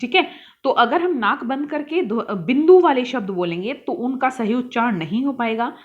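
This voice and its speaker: A woman teacher going through a worksheet with young children, calling them beta and reading each word slowly and carefully. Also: a little high, expressive, muffled recording.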